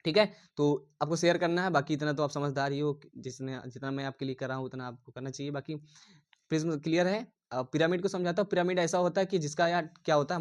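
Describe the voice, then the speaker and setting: Man teaching with rambling repetition. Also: on the high side. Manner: repetitive, rambling, addresses viewers as dear. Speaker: engineering drawing teacher. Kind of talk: casual online lecture.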